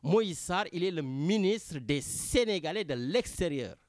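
A man with a Senegalese French accent hosts a radio talk show with animated, rambling commentary. His voice sits a touch high and swings widely in pitch as he repeats points for emphasis. The recording is close and dry. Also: unhurried, no room sound. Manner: animated, repeats himself, addresses Richard often. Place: Marseille.

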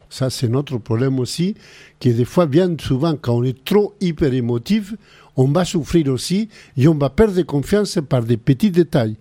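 A middle-aged man with a Chilean accent hosts a call-in radio show. His voice is mellow and dark, at an ordinary pitch. He gives practical self-help advice in an earnest way. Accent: Chilean Spanish.

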